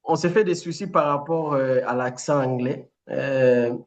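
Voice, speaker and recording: A man in an online meeting, speaking politely and haltingly, with frequent fillers. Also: mid-range voice, lo-fi sound. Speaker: program participant. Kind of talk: casual remarks in a meeting.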